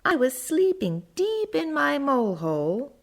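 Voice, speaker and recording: A woman voicing a friendly, curious little garden mole who tells a children's storybook tale in first person, with expressive, sing-song storytelling. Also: sits high, measured pace, voice pushed up, full character voice. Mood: earnest wonder.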